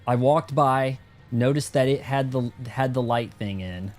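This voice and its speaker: A man giving casual, slangy commentary as he plays a game, rambling and thinking out loud. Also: medium pitch, measured pace, faint music behind. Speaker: video game streamer. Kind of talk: casual first-playthrough commentary.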